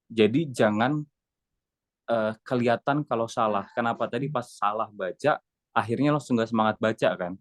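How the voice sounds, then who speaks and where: A young man coaching a news reader, giving relaxed, explanatory feedback in a casual tone. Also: medium pitch. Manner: relaxed, explanatory, demonstrates lines. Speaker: journalism coach.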